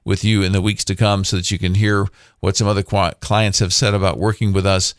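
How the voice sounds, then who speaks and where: Low-voiced man hosting casual radio talk. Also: level tone, fairly quick, clear, resonant tone, no room sound, studio quality. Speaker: radio host and financial advisor.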